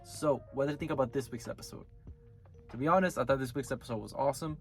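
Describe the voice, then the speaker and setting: Hoarse and raspy from illness, a man talks quickly through an anime review video, rambling casually and frequently stopping to fix what he's just said. His voice sits at a middling pitch over faint, soft music.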